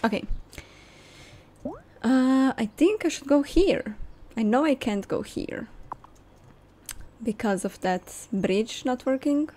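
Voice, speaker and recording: A young adult woman hosts a casual let's play, thinking aloud as she games over soft game music. Her voice sits high and is animated yet slow, with long pauses and a little hiss or hum in the recording.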